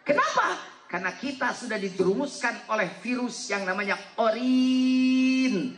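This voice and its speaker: A man's voice: very high voice, expressive, a little slow, a bit bright. A man from West Java, giving a humorous sermon and teasing the congregation into answering back. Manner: joking, teasing the audience, asking it to answer back. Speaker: preacher. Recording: echoey hall with faint crowd.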